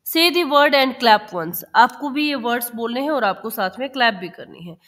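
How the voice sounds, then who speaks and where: A woman teacher explaining a children's textbook lesson, reading English lines slowly and then explaining them in Hindi mixed with English, repeating words aloud. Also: on the high side, a bit bright.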